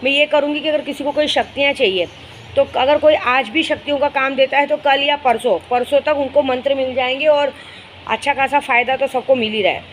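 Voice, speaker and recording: A woman's voice: high voice, fairly even intonation, brisk, a little hiss or hum, poor audio. A woman speaking, a spiritual guide chatting casually to her followers and telling stories with fond asides. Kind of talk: casual vlog chat to followers.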